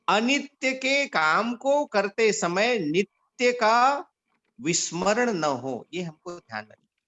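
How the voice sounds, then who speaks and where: A man from India giving an instructive talk to volunteers and telling short parables as he teaches. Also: sharp tone. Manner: storytelling, varies pitch widely, slow deliberate delivery. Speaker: organisation leader giving guidance to volunteers.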